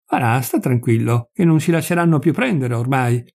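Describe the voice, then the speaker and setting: A man's voice: mid-range voice, animated, moderate pace, gravelly, darkish tone. A man voicing a timid, hesitant older man who keeps birds and is easily bewildered.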